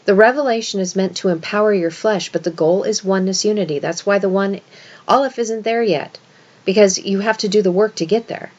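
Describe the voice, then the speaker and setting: A woman's voice: medium pitch, a little fast, darkish tone, lo-fi sound. A woman giving an esoteric scripture lesson as a religious teacher, explaining in an instructive way and stressing key words.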